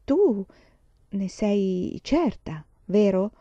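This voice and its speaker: A woman's voice: medium pitch, animated, extremely slow, mellow, dry recording. A woman voicing an earnest, impulsive teenage farm girl who pleads eagerly, on a slightly dull recording.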